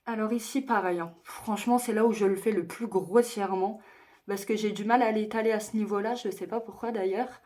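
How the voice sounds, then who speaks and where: A woman's voice: medium pitch, fairly even intonation, brisk, mellow. A young woman chatting her way through a makeup tutorial, explaining each step and joking at her own expense. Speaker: beauty vlogger.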